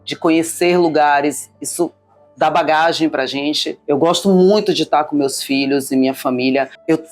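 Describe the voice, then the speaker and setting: A woman's voice: low-pitched, moderate pace, faint music behind. A middle-aged woman from Salvador, Bahia, a business owner speaking as a guest in a conversational interview, with an expansive, emphatic manner. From Salvador, Bahia, Brazil. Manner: expansive, warm-hearted, emphatic.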